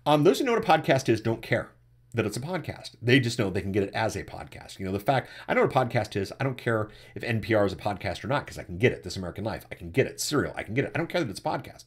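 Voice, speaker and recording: Racing along in a deep, husky voice, this podcasting coach in his forties runs a live webcast indoors at his desk, fielding chat questions about podcasting. His delivery is animated, with repeated words as each thought begins, picked up by a desktop USB mic under webcam framing.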